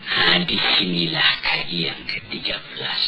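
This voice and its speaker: A man preaching a sermon on an old cassette tape recording, deliberate and emphatic, asking rhetorical questions. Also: rumbling low, gravelly, loud music behind the voice, low-quality recording.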